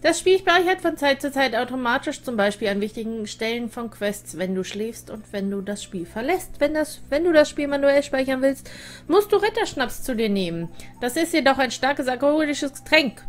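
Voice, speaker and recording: German woman, let's play host, chatty, playful, high lively voice. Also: moderate pace. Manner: chatty, playful, talks to characters. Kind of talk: casual gameplay commentary.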